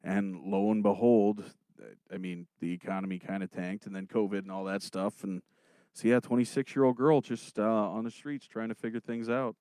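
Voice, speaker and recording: A man with a deep, steady voice co-hosting a casual podcast, shifting between soft and loud rather than up and down. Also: normal speed, smooth, dry recording. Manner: steady, varies loudness more than pitch. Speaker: podcast co-host and pastor.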